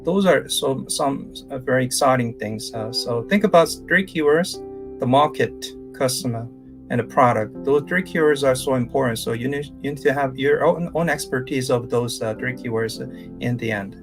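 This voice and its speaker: A career coach in his thirties, originally from South Korea, lectures on a live stream in English with a Korean accent, pausing with fillers and starting over often. Music plays beneath his medium-pitched voice.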